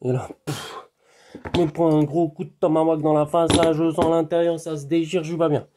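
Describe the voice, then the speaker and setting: A man, a hypnotherapist vlogger from France, talking to camera from his garden in a rambling, animated monologue that repeats itself and speaks to the viewer as a close friend. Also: a little high, brisk, background noise.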